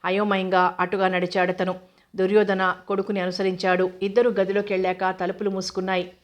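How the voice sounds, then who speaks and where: A woman narrating a novel aloud in a steady, even reading style. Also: medium pitch, fairly quick. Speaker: audiobook narrator.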